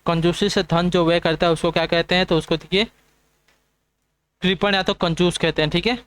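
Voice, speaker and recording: Fast-talking male exam prep teacher. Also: high-pitched, little pitch movement, fairly bright tone, smooth, dry recording. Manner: fast, repetitive checking-in with students. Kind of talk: online class lesson.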